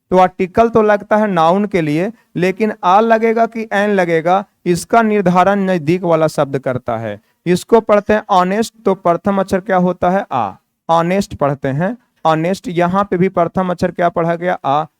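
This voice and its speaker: A man's voice: sits high, clean tone, dry recording, clean studio sound. A man teaching English grammar in Hindi. He asks the viewers questions, answers them himself and repeats key words. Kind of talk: Hindi-language grammar lesson.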